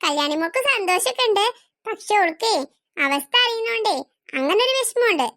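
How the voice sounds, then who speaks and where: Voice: very high voice, animated, brisk, no echo, studio quality, heavily acted. A performer voicing Basanthi, a poor, humble working woman, in a cartoon. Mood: sorrowful. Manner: soft, humble, sorrowful. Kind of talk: cartoon voice acting.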